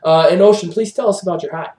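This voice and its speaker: A man hosting an improvised comedy review show, rambling deadpan with fillers. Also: high-pitched, fast, roomy sound.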